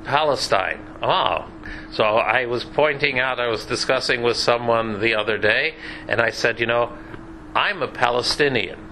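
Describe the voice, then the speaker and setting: A man's voice: medium pitch, normal speed, pushed and bright, slight background noise, low-quality recording. A man giving a conversational Bible class lecture, chatty and sprinkled with dry joking asides. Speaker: Bible teacher.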